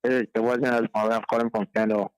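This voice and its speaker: A man calling in to a radio talk show over the phone, speaking in a hesitant, halting way. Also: medium pitch, flat delivery, smooth, no room sound. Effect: heard over a phone line. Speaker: caller.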